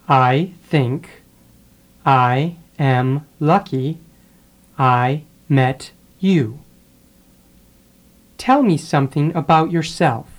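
An English teacher with a mid-range voice drills phrases very slowly, repeating them word by word. Each word is spaced apart with a pause after it so learners can keep up, and the delivery is careful and deliberate.

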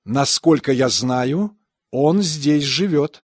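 A man's voice: mid-range voice, slow, slightly rough, no room sound, studio quality. A man reading translated example sentences evenly and carefully for a language course. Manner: even, careful enunciation. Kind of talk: scripted phrase reading.

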